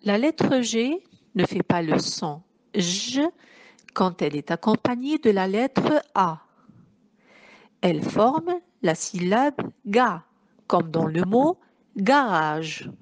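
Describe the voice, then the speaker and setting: A woman's voice: medium pitch, big pitch swings. A woman teacher giving a phonics lesson to young children, sounding out words syllable by syllable. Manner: slow, syllable-by-syllable dictation, addressing pupils warmly as children.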